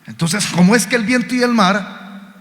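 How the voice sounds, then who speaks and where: A male pastor preaching a lively sermon, acting out cries and shouts. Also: sits high, moderate pace, in a large hall. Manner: animated, acts out biblical cries and shouts.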